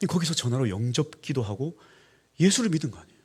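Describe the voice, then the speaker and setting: A man's voice: medium pitch, fast, slightly rough. A man preaching a Sunday sermon as pastor, telling stories and firing rhetorical questions at the congregation. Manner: animated storytelling, acting out quoted voices, rhetorical questions to the congregation.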